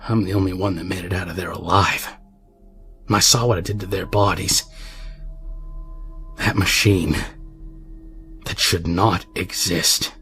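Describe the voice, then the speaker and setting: Man voicing hushed, haunted stranger with deep gravelly tone. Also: fairly even intonation, measured pace, pauses often, soft background music, full character voice. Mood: shaken. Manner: hushed, quavering. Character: haunted, paranoid grown man recounting a horror.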